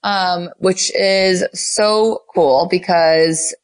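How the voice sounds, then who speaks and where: A woman's voice: fairly low pitch, steady tone, very slow. Gushing woman talking food and gadgets. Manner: enthusiastic, gushing, lots of "like" and "oh my God". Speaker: guest, cooking mom. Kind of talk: casual interview chat. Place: Los Angeles.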